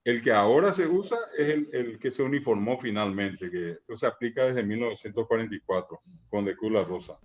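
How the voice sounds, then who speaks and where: A man teaching a language class online, patiently repeating examples, pausing on fillers and checking in with his students. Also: fairly low pitch, animated. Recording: muffled online call audio.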